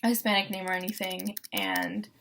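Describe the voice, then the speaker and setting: A woman's voice: medium pitch, steady tone, normal speed, vocal fry, fairly bright tone, slight background noise. A young woman from Costa Rica, a law student, talking casually about her experience with lots of fillers and restarts. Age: young adult. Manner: chatty, frequent fillers and restarts. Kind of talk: casual first-person testimonial.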